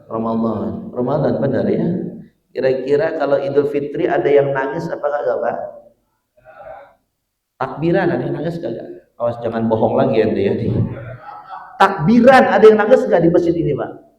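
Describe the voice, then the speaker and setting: A man's voice: medium pitch, lively intonation, moderate pace, pauses often, a little mellow, muffled recording. Man, mosque preacher, teasing then fervent, roomy echo, distant mic. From Cibitung, Indonesia. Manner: jokey, quizzes the congregation, rises to fervent emphasis. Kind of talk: dawn mosque sermon. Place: mosque hall.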